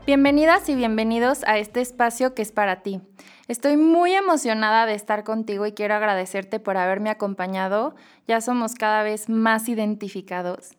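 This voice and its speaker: A woman's voice: normal speed, clear, resonant tone, soft background music. Chatty Mexican woman podcast host. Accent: Mexican Spanish. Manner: chatty, animated, acts out quoted dialogue with raised pitch. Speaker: clinical psychologist and podcast host. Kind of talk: casual podcast monologue.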